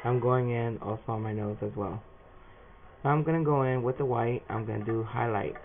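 A man's voice: medium pitch, moderate pace. A man, a face painter, casually talking through a face paint tutorial with a lot of "um" fillers. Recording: tinny phone-like recording with music.

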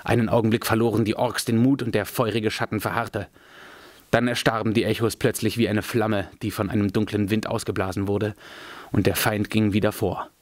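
Steady male fantasy reader. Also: fairly low pitch, no room sound. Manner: measured, steady storytelling. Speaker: audiobook reader. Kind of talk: dramatic reading of a fantasy novel.

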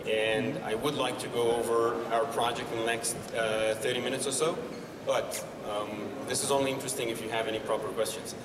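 A man in his thirties presents on an exhibition hall stage, talking conversationally and dropping wry asides. He is heard from far off through a handheld mic. A long hall echo and steady background noise surround him. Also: mid-range voice, a little fast. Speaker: company founder presenting. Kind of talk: conference talk. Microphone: handheld mic, far camera. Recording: roomy hall from far off, noisy.

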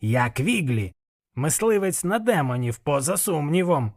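A proud, stubborn demon hunter, as a male reader puts him on, declaiming in a steady, slow, pompous way. He speaks like a stiff swordsman from a fantasy storybook. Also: fairly high pitch, pitched above the performer's own voice.

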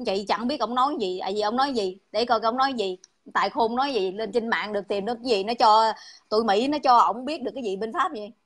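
A woman's voice: a little high, fast talker, fairly bright tone. A woman with a Southern Vietnamese accent, ranting in a blunt, repetitive, scolding monologue on an online livestream.

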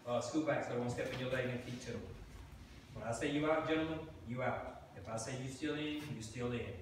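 A man's voice: mid-range voice, fairly quick. An older man in his sixties refereeing a kids' sparring class in a dojo, stern and commanding, with short barked calls. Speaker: martial arts instructor. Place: large indoor dojo with mats. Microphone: far camera. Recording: echoey hall from far off, loud room noise.

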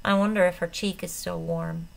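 A woman narrating an audiobook in a steady, subdued first-person voice. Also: fairly low pitch, normal speed, gravelly, slight background noise.

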